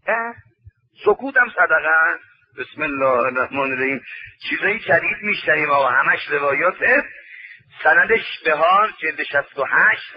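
A male preacher with a high voice delivers a sermon, drawing out religious quotations in a slow chant before turning to animated stories in which he acts out each side of the dialogue. The recording is dull and lo-fi, like an old broadcast. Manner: drawn-out chanting of Arabic quotations; animated storyteller acting out dialogue. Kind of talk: sermon with anecdotes.

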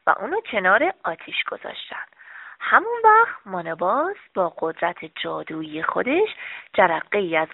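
A woman narrating a children's story with gentle, expressive storytelling. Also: high voice, dry recording. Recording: dry, narrow phone-like sound.

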